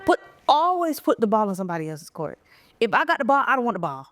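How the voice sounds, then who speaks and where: A woman co-hosting a podcast in casual chat, animated, acting out quoted exchanges and laughing often. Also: fairly high pitch, quick pace. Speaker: podcast co-host.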